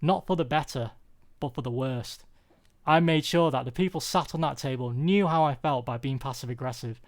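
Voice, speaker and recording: In a mid-range voice, a young man from the UK, born there, shares a prepared, confessional talk about himself. His manner is earnest and his wording carefully deliberate.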